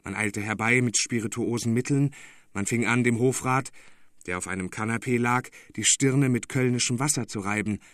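A man reading an old story aloud as a narrator, measured and expressive. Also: mid-range voice, no echo, clean studio sound. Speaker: audiobook narrator. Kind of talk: scripted narration.

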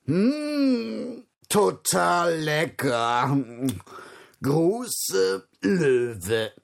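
A man voicing a big, slow male hippo who reads in a drawn-out, lilting voice. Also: high-pitched, very animated, vocal fry, pitched above the performer's own voice, heavily acted. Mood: dreamy.

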